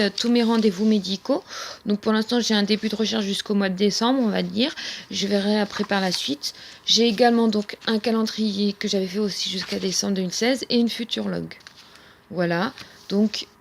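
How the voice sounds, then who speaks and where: A woman's voice: medium pitch, slight background noise. A young woman showing her planner in a casual vlog, talking with many hesitations and fillers. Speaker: vlogger.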